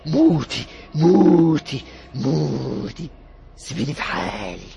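A man voicing a terrified young man in an Egyptian accent, pleading and cursing at a ghost in a frantic, shrill voice. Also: big pitch swings, slow pace, creaky, very noisy, exaggerated voice. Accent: Egyptian Arabic.

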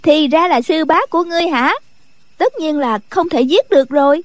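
A woman's voice: sits high, animated, a little fast, no echo. A woman voicing a mischievous young girl who teases and bosses others in a martial-arts audiobook. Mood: teasing. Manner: playful and bossy.

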